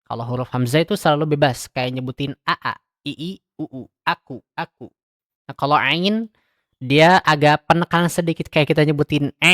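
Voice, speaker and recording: A man's voice: medium pitch, fairly bright tone, no echo. Man, Quran recitation teacher, tajwid lesson, sounds out letters in drills, dry close sound. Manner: explains step by step, addressing listeners as friends; demonstrates throat letter sounds aloud in drills.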